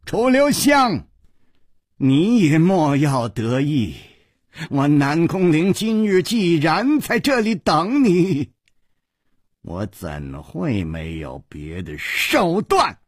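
A proud martial artist who has just lost a duel, bitter and defiant, as a male storyteller puts him on. He drags his words out in a husky lament, his pitch swinging wildly up and down, before erupting into a shout. The sound of a wuxia audiobook told by one voice. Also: big pitch swings, takes it slowly, dry recording, studio quality, full character voice. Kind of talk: storyteller acting out a wuxia character.

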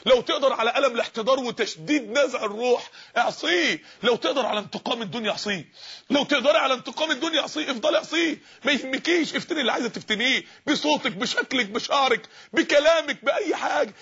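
A man with an Egyptian Arabic accent and a husky voice, preaching a fervent sermon full of pleading, repeated rhetorical questions. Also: very high voice, fairly bright tone, muffled recording.

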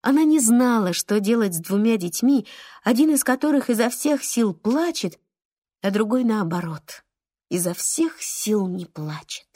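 A woman reads a children's story aloud with lively expression, stretching some phrases slowly. Her voice is fairly high, and the recording is close and dry. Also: no echo. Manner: expressive, with slow drawn-out phrases. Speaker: reader.

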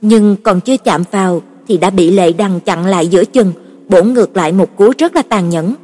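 Husky woman narrating a novel. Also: medium pitch, moderate pace. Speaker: audiobook narrator. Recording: reverberant, with soft background music.

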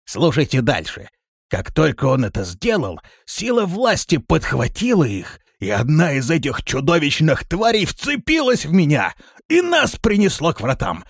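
A man's voice: a little high, wildly swooping pitch, normal speed, gravelly, husky, dry recording, clean studio sound, voice pushed up, full character voice. A man voicing a boastful, whining, cowardly male creature in an audiobook.

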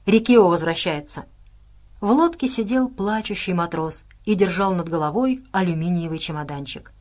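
A woman narrating an audiobook in a steady, even reading voice. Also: lowish voice, normal speed. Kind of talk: scripted narration.

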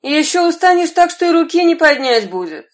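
A woman's voice: very high-pitched, sing-song, brisk, voice pushed up. A woman voicing a kindly, cautious old father who talks in a fussing, fatherly way.

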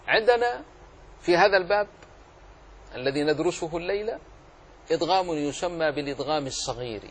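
A middle-aged man teaching a religious lesson on Quran recitation, explaining rules patiently and slowing down to demonstrate readings. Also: on the high side, slightly rough. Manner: explanatory, acts out quoted readings slowly.

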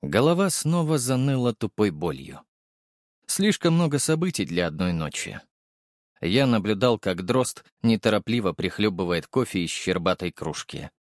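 Brief: male narrator, lowish voice, steady first-person audiobook read, dry booth sound. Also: normal speed, no room sound.

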